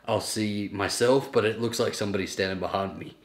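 A man's voice: lowish voice, steady tone, a little fast, reverberant. A young man vlogging casually about film, rambling and laughing often. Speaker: vlogger and filmmaker. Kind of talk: casual chat to camera.

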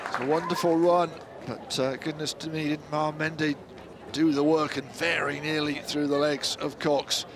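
A man calls a football match live in short, clipped descriptive phrases, his voice fairly high, flat, and moderately paced. Loud crowd and outdoor stadium noise fill the recording.

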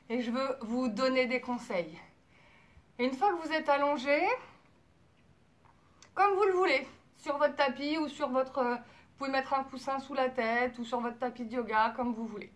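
High, lively woman leading kids' yoga. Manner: animated, sing-song calls to young children; soft, slower guidance while children lie down. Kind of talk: leading a children's yoga class.

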